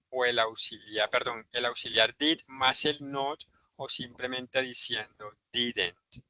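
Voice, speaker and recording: A man teaching an online English grammar class, patiently repeating examples and speaking slowly over a video call. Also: mid-range voice, pushed and bright, no room sound, poor audio.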